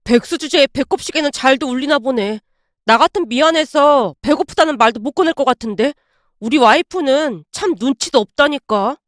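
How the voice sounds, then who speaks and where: A woman's voice: sits high, moderate pace, no echo, studio quality. A woman voicing a smug, patronizing husband. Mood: mocking. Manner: calm and patronizing, then shouting insults. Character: smug, coolly condescending young husband. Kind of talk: dramatized story narration.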